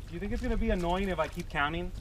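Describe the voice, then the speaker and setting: A high-pitched, rapid-fire man in his thirties, a fishing vlogger, banters playfully from a small boat on open water while counting his catches. The audio, from an action camera mounted on the boat, carries wind and water noise.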